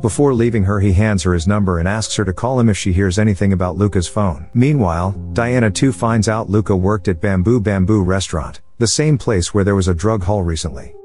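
A man reading a scripted movie recap as narrator, with a steady, even storytelling delivery. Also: on the low side, a little fast, hardly any pauses, faint music behind.

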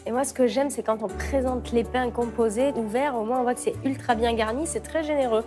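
A woman with a high voice gives warm, appraising commentary as a bakery judge, tasting and praising products inside a shop. Soft music plays faintly behind her, and she speaks into a lapel mic. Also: fairly quick.

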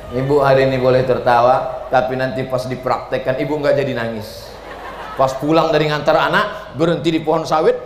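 A middle-aged man from Riau, Indonesia, preaching a lively sermon, animated and breaking into shouts. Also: medium pitch, brisk, a little hiss or hum. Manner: animated, switches to shouting and acted voices. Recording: echoey hall with long reverb.

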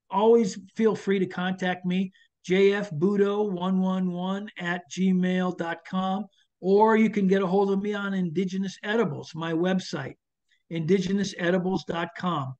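An older man who is a chef and foraging instructor answers audience questions over a video call, his voice high-pitched and a little mellow. He hesitates, restarting often and using many fillers, and the webcam audio sounds dull and lo-fi.

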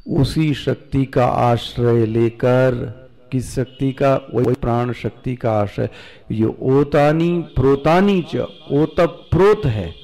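A man's voice: a little high, mellow. A man from India, a swami, giving a scripture discourse to listeners, asking rhetorical questions and answering them himself, and drawing out Sanskrit verses. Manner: slow, drawn-out recitation of Sanskrit; addresses listeners directly, teacherly.

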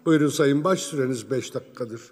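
A man's voice: mid-range voice, brisk, a little mellow. An older man chairing a parliamentary session, making a formal procedural announcement. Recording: echoey parliament hall.

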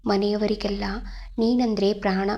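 A woman's voice: mid-range voice, flat delivery, normal speed, mellow, lightly acted. A woman voicing a protective grown man who speaks firmly and reassuringly in a storybook reading.

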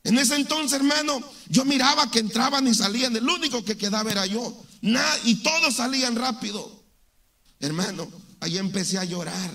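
Guy, really high voice, fervent church testimony, keeps saying brother. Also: moderate pace, pushed and bright. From Mexico. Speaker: church member giving testimony.

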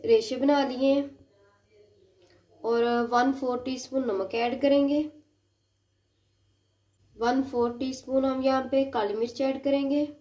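A woman hosting a cooking channel, calmly explaining each step of a recipe in a voice-over while she cooks at home. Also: a little high. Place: home kitchen.

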